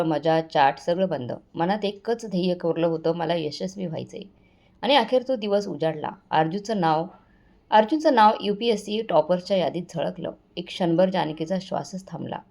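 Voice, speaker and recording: A woman's voice: lowish voice, darkish tone. A woman narrating an emotional family story in a scripted, dramatic way.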